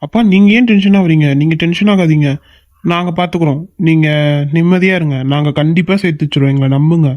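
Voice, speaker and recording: A performer voicing a young man, a bossy but reassuring elder brother in a cartoon, speaking quickly and confidently. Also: mid-range voice, no room sound, muffled recording, natural voice. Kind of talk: cartoon voice acting.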